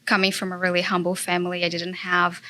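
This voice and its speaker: Her voice lowish, monotone, bright and forceful, this Brazilian property investor speaks quickly. She's a guest in a relaxed interview, chatting earnestly in a Brazilian Portuguese accent and using many fillers.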